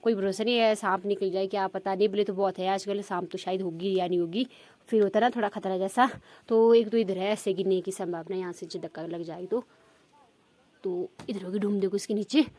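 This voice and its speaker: With a warm, steady, mid-range voice and a fairly quick pace, a village vlogger talks casually to her viewers. Her accent is Himachali Pahadi Hindi, and her chat rambles with fillers. No room sound is audible.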